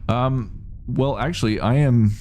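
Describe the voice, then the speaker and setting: A man's voice: medium pitch, unhurried, warm tone, a little hiss or hum. A Canadian man from Ontario chatting casually on a live gaming stream, rambling and reading viewer comments aloud. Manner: rambling, self-interrupting, reads chat aloud.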